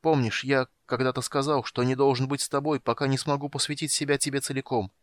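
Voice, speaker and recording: A man reading an audiobook, voicing a huge, gruff but loving warrior in a blunt, low manner. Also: little pitch movement, quick pace, dry recording, natural voice. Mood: heartfelt. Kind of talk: audiobook character voice.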